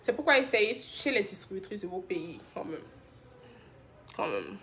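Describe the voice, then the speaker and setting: A woman's voice: mid-range voice, big pitch swings, moderate pace, gravelly, fairly bright tone, a little hiss or hum. A woman from Benin, hosting a live stream and chattily answering viewer comments about skincare. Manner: chatty and affectionate, laughs often, reads comments aloud. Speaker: skincare brand host.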